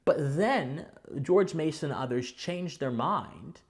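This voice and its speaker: A man's voice: on the high side, expressive, slow. A man hosting a commentary channel, explaining to viewers in a didactic, formally worded way with emphatic stress on key words. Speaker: host of a political commentary channel.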